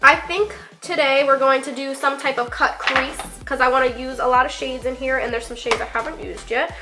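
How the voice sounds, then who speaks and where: Chatting through a makeup tutorial, a young beauty vlogger sounds cold-stuffed and congested, dropping many fillers and occasional casual curses. She speaks a little fast in a high, steady voice, with music playing in the background.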